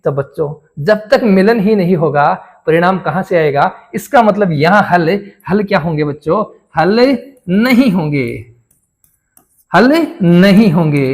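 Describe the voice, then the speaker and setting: A man teaching a school maths lesson, asking his pupils questions, answering them himself and repeating each key answer. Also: high-pitched. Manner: addresses pupils warmly as children.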